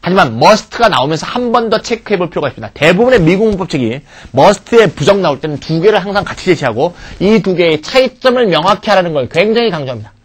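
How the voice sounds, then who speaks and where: A middle-aged man teaching English grammar in a recorded video lecture, animated and playfully teasing, asking rhetorical questions and answering them himself. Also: high-pitched, fast talker, few pauses, breathy edge.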